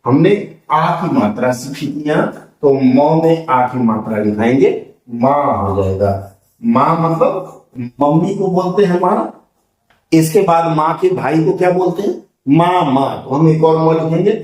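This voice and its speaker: A man gives a careful beginner's alphabet lesson, going slowly and repeating each letter as he draws it. His voice sits a little high for a man. He sounds distant from the mic, with an echoing room around him. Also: animated, darkish tone. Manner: patient, repeats each letter while drawing it. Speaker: Hindi teacher. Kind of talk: slow step-by-step alphabet lesson.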